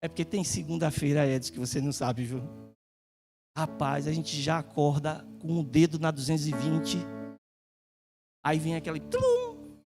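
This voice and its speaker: A middle-aged man with a Brazilian Portuguese accent preaching in a church, joking and chatty, with lively quoted asides. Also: a little high, normal speed, creaky, long pauses, music in the background. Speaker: guest pastor. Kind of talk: sermon. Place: church sanctuary.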